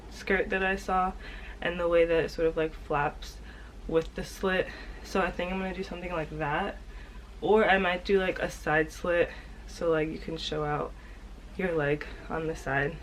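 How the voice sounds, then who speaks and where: A young woman with a slightly nasal, stuffed-up voice from a cold, talking in a casual, halting, informal vlog style. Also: fairly low pitch, a little hiss or hum, poor audio. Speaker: sewing vlogger.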